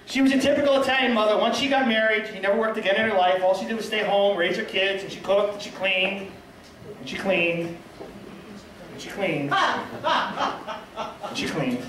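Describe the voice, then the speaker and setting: A man's voice: sits high, fairly quick, background noise. A man doing a self-deprecating stand-up comedy set of punchy one-liners in a small restaurant. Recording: echoey room, far from mic, crowd laughing.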